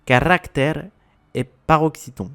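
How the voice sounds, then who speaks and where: Guy reading a grammar explainer, calm and methodical, goes rule by rule. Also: a little high, a little slow, clean tone. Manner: methodical, spells out rules step by step. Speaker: Spanish grammar teacher. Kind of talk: scripted explainer narration.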